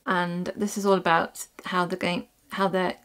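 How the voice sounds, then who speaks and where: A woman's voice: fairly low pitch, flat delivery, normal speed, fairly bright tone. A woman talking casually about books she has read, with frequent ums and restarts. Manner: chatty, many ums and restarts. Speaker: book reviewer. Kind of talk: casual book review vlog.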